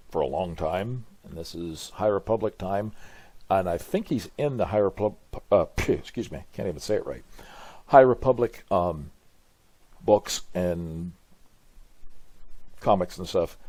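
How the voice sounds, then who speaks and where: Older grandpa-voiced man, low and slightly husky. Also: warm tone, no room sound. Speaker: video host reacting to a game trailer. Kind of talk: casual reaction commentary. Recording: music behind the voice. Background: music from a game trailer.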